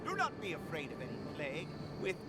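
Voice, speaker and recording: A man's voice: fairly high pitch, huge pitch swings, quick pace, heavy background noise. A man playing a shady merchant in a video game, hawking a miracle elixir with theatrical huckster patter. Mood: urging, reassuring. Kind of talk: video game street sales pitch.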